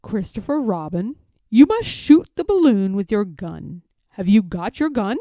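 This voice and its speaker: Woman as Winnie the Pooh, slow pompous toy bear. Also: medium pitch, sing-song, dark tone, no echo, clean studio sound. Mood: pleading, worried. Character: earnest, pompous little toy bear, male, slow-thinking. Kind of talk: children's storybook character voice.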